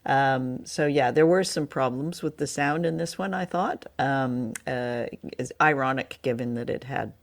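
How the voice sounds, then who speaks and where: A woman co-hosts a podcast, chatting casually and explaining things in hesitant phrasing during a relaxed review chat. Her voice rumbles low, and she speaks a little slowly with few pauses.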